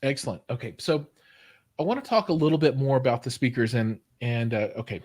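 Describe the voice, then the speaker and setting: A man's voice: medium pitch, a little fast, a little mellow, slightly rough. An American man hosting an interview, asking chatty, friendly questions with fillers. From United States. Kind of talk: casual interview.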